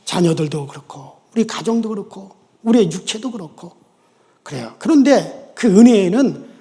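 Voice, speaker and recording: A male pastor preaches in a high, bright voice that rings through a reverberant church. He talks in a folksy way, joking with the congregation before turning earnest. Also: animated, moderate pace. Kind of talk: sermon. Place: church sanctuary.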